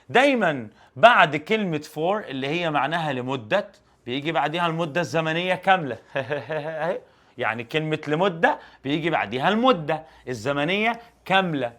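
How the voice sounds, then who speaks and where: A young man with an Egyptian Arabic accent and a high voice teaches an exam review. He keeps it animated and joking, firing rhetorical questions at his students. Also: moderate pace. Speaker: English teacher.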